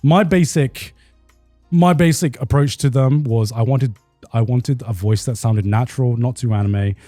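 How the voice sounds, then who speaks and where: A man chatting casually as he tells an anecdote, informal and quick to swear. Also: mid-range voice, warm tone, no echo, clean studio sound, faint music behind. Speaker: show host who cast an anime. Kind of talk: casual chat, telling an anecdote.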